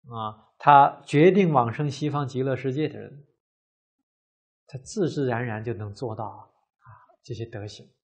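A man giving a measured Buddhist dharma lecture, drawing out his phrases and filling pauses with many drawn "ah" sounds. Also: medium pitch, husky.

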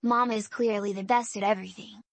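A woman's voice: mid-range voice, steady tone, quick pace, dry recording, faint music behind, close to an everyday voice. A woman voicing cheeky livestream fans, reading their donation messages aloud. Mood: fond, teasing.

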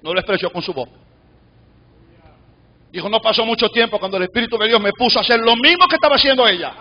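A man preaching a fervent sermon, swinging from loud shouted peaks down to a low murmur. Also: fast, highs cut off. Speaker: pastor. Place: church sanctuary.

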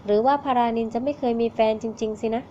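Woman reading a novel out loud, soft mellow tone, kinda muffled with hiss. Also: fairly high pitch, quick pace. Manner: steady reading. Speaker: novel narrator. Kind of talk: storybook narration.

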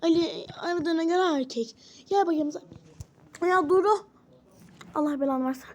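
A woman's voice: very high voice, moderate pace. A woman casually role-playing a doll game, switching between characters and exclaiming often. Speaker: channel host playing all characters.

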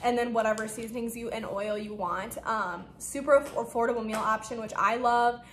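A woman's voice: on the high side, steady tone, fairly quick, a bit bright. A young woman chatting casually through her meal prep, rambling with lots of fillers and a bit out of breath. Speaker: vlogger. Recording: echoey room with faint noise.

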